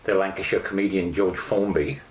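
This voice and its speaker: An older man interviewing a guest, asking questions in a lively, conversational, admiring way. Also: low-pitched, brisk. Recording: roomy echo.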